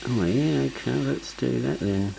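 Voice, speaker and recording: A man's voice: mid-range voice, a little slow, vocal fry, a little hiss or hum. A man with an Australian accent casually explaining car wiring work as he does it, thinking aloud. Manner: relaxed, thinking aloud while working. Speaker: DIY car vlogger. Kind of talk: casual how-to narration. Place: at a car's engine bay, working on it.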